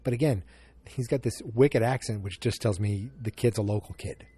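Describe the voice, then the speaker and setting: Speaking at a normal speed, a man with a fairly low, mellow, husky voice hosts his own podcast. He's from Massachusetts, has a Boston accent, and rambles constantly, cutting himself off, restarting, and filling gaps with fillers. The audio has no echo.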